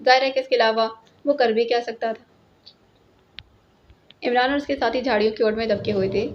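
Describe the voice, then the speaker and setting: A woman narrating a spy novel in a steady, even reading voice. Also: on the high side, a little hiss or hum. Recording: lo-fi, dull sound.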